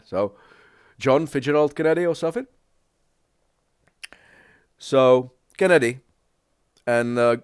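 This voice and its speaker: A non-native English-speaking man makes a reaction video, commenting casually but haltingly, often searching for words and starting over. His voice is on the high side, clear and resonant, captured dry with studio quality.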